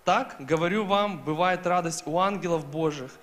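A man's voice: on the high side, normal speed, a bit bright. A young man reading scripture aloud into a handheld microphone on a stage. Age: young adult. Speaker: scripture reader. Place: stage in a large hall.

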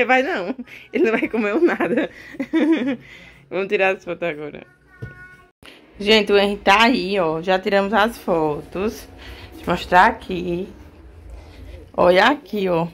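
A woman's voice: medium pitch, measured pace, long pauses. A young woman, a mother filming a casual home vlog in a bedroom, cooing baby talk to her son and chatting to viewers with frequent laughs. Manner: laughs often while talking. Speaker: mother vlogging her baby's month birthday.

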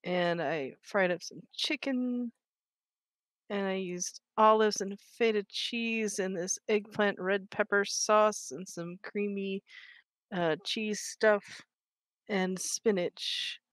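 A chatty young woman in casual conversation during a gaming session, talking at an ordinary pitch. Her voice sounds dry and close, with no room around it. She rambles easily and lets her sentences fall off softly. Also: takes it slowly, no room sound. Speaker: co-host of a gaming channel. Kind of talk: casual chat while playing a game.

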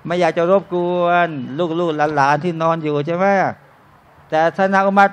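In a restaurant serving as a talk venue, an Islamic religious teacher with a high voice delivers a relaxed, conversational sermon to a live audience at a moderate pace. He keeps calling them brothers and sisters and tosses rhetorical questions their way. Along the way he acts out short, jokey everyday scenes.

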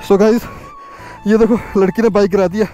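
Fast-talking young man vlogging outdoors. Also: high-pitched, steady tone, dark tone, faint music behind. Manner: chatty, keeps calling out to viewers as "guys" and "bhai". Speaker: motovlogger host. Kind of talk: casual vlog narration. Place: outdoors on a cold mountain road.

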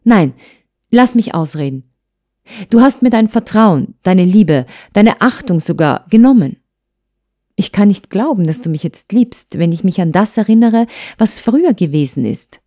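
A woman voicing a hurt young wife who pleads and reproaches her husband with urgency, in a mellow tone. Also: lowish voice, measured pace. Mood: reproachful.

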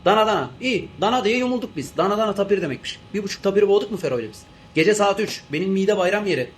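A man playing a fed-up fast-talking airline captain. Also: high-pitched, expressive, a little hiss or hum. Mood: grumbling. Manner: ranting, grumbling, swearing, cabin announcements. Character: exasperated male airline captain, always flown to Africa. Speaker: comedian doing a character. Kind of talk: comic monologue sketch.

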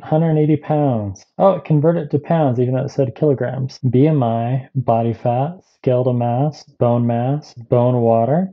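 A man's voice: mid-range voice, creaky, dull audio. A man chatting casually through a gadget review vlog, rambling with asides as he tries out devices.

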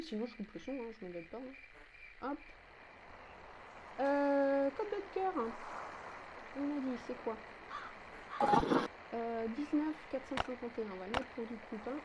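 A woman streaming a game live, chatting casually with her viewers, greeting them by name and filling pauses with "euh". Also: fairly high pitch, mellow, lo-fi sound, slight background noise.

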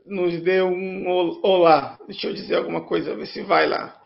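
A man's voice: high voice, fairly even intonation, normal speed, gravelly. A congested man with a Brazilian accent and a honking, duck-like nasal voice, chatting casually as a guest co-presenter on a livestream. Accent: Brazilian Portuguese. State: congested from an allergy. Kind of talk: casual live chat. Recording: dull, lo-fi online stream audio.

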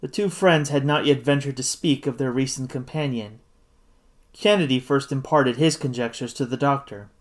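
A narrator reading a classic novel aloud in an expressive style. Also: mid-range voice, moderate pace. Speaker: audiobook narrator. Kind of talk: scripted audiobook narration.

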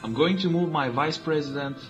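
A man from Bulgaria, a native Bulgarian speaker, calmly and methodically explaining his moves in a strategy board game. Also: fairly high pitch, a little fast, lo-fi sound, soft background music. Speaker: player. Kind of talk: let's play commentary.

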